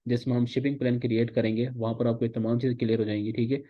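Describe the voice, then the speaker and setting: A man's voice: mid-range voice, little pitch movement, rapid-fire, narrow, tinny audio. A man teaching a recorded online lecture, explaining step by step and checking in with "theek hai" again and again. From Pakistan. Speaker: course instructor.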